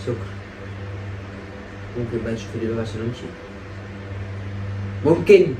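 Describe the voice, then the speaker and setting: A man's voice: medium pitch, lively intonation, mellow. A young man with an Egyptian accent, teasing and playful in a casual prank vlog. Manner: teasing, playful, rapid-fire. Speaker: prank vlogger. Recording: echoey room, distant mic, background noise.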